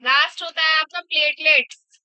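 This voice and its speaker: A woman's voice: high voice, steady tone, normal speed, pushed and bright, no echo. A woman biology teacher lecturing in a classroom, asking the class questions and repeating their answers back, in a dull lo-fi recording. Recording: dull lo-fi sound.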